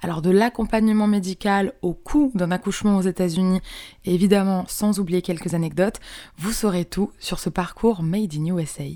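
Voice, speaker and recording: A woman hosting a podcast, opening the show with a clearly paced intro and asking curious questions. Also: lowish voice, brisk, warm tone. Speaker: podcast host.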